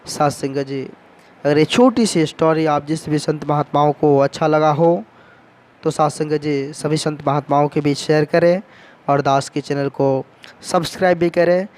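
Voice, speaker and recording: A man's voice: on the high side, moderate pace, a little mellow. A man telling a devotional story as a sermon, addressing the congregation respectfully again and again. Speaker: devotional speaker.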